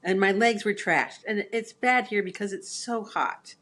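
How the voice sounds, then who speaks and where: A woman in a casual chat, telling stories in an animated way and laughing at herself. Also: mid-range voice, unhurried. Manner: animated storyteller, acts out quotes, laughs at herself.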